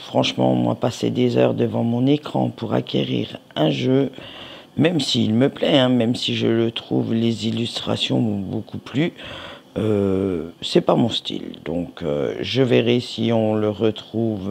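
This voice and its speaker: A man's voice: medium pitch, creaky, darkish tone, husky. A man doing a casual tarot reading, chatting informally with viewers and addressing them in asides. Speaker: tarot card reader.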